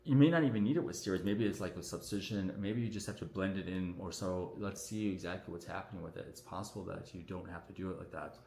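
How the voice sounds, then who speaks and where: A man, a doctor, answering viewer questions on a casual livestream in a relaxed, chatty way full of fillers, his voice echoing around the room. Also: sits low, fast talker, gravelly, few pauses. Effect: echoing room sound on the stream. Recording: echoey room audio on a livestream.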